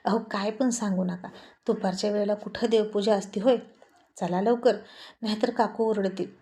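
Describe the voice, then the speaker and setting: A pushy young village lad , put on by a woman narrator, calls out insistently, urging someone to hurry. His voice is a little raised and mellow, from a spoken village story. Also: medium pitch, fairly even intonation, normal speed, natural voice. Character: pushy young village man, brother-in-law type.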